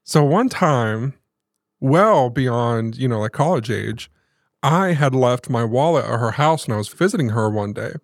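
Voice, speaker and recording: A man's voice: medium pitch, lively intonation, a little slow, no room sound, studio quality. A man from the American South, a podcast co-host, telling a family story in casual chat and acting out the voices he quotes.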